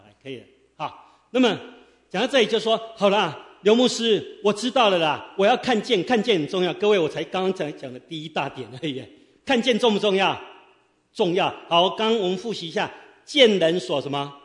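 A man preaching a sermon, quizzing the congregation and swinging from quiet asides to loud exhortation. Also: a little high, big-room sound. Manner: lively, quizzes the congregation with fill-in questions. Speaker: pastor. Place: church sanctuary.

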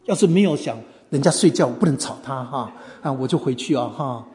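A man voicing a timid elderly shoemaker who prays quietly and hesitantly. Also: mid-range voice, expressive, a little fast, close to an everyday voice. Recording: long hall reverb.

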